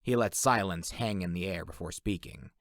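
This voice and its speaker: A man narrating a fantasy adventure story in an expressive storybook style. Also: sits low, normal speed, dry recording, studio quality. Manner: expressive, voices all characters.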